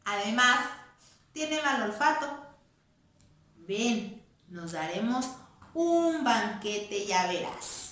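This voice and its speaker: A woman's voice: on the high side, big pitch swings, extremely slow, pauses often, fairly bright tone, exaggerated voice. Woman doing a sweet soothing girl mouse. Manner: soothing, coaxing, sing-song. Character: calm sweet female mouse. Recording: echoey room.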